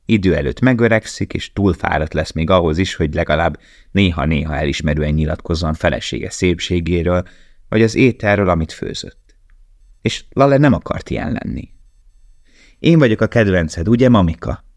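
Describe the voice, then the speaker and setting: Deep-voiced man narrating gravely. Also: no room sound, studio quality. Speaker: audiobook narrator. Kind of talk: scripted narration.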